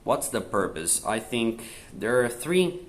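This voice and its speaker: A young Brazilian man with a medium-pitched voice and big pitch swings vlogs casual language-learning tips straight to camera. He's chatty, dropping fillers like "né" and "tá," and in parts shifts into slow, careful English with a Brazilian Portuguese accent.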